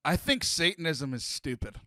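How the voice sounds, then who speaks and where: Animated, bright-voiced male podcast host. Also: fairly high pitch, normal speed, dry recording, clean studio sound. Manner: animated, joking, many fillers and restarts. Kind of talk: casual podcast chat.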